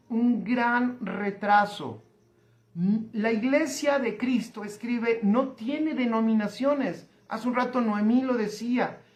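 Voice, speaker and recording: Man, pastor, livestream sermon, emphatic, repeats phrases slowly. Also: extremely high pitch. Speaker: pastor and teacher. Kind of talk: livestreamed sermon reading viewer comments.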